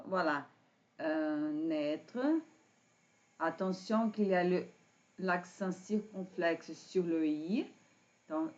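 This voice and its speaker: A woman with a Brazilian Portuguese accent teaching an online French lesson, patient, with pauses and fillers. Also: on the low side. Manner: switches to Portuguese to explain. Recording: dull lo-fi sound.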